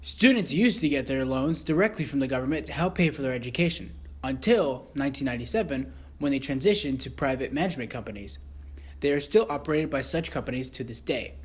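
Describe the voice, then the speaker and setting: A man anchors a satirical newscast, reading scripted copy in a mock-serious newsreader style and tossing in crude asides. His voice is fairly high-pitched yet darkish in tone, with a husky quality.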